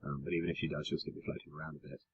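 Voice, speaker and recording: Man, very deep voice, wry rambling chat, muffled lo-fi audio. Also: sing-song, racing, creaky, slightly rough. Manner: wry, rambling, with hesitant fillers. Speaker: podcast co-host. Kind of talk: casual political chat.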